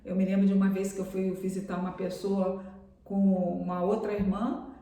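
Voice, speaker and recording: A woman's voice: mid-range voice, level tone, moderate pace, a little hiss or hum. A woman preaching a sermon on a live stream and addressing her listeners as beloved. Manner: warm pastoral address, calls listeners "amados". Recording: very echoey room, voice from far off.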